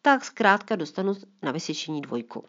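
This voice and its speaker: A woman's voice: low-pitched, big pitch swings. Lady reading a cheeky teen girl, whiny, sassy, dull lo-fi sound. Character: sulky teenage girl, fourteen, cheeky.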